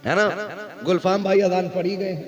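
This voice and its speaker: A man's voice: high voice, little pitch movement, moderate pace. A man preaching a sermon at a night religious gathering, joking with and directing the audience over a microphone. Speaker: Islamic preacher. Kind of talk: sermon to a crowd. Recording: echoey PA sound with loud crowd.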